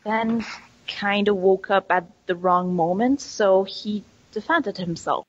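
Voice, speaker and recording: A woman's voice: medium pitch, slow pace, highs cut off. A woman asking questions in a casual comic mock interview, wry and a little exasperated. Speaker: panel interviewer.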